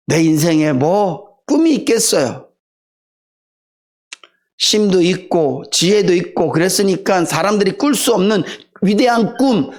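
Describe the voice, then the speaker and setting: A man voicing a weary, discouraged older Moses who has given up his dreams, speaking low and resigned.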